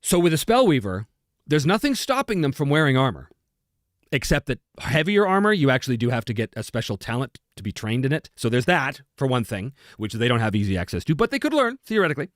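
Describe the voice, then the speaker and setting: A man's voice: mid-range voice, big pitch swings, fast, dry recording, studio quality. A man hosting a live stream, chatting casually and reading out viewer comments, often laughing and restarting his sentences.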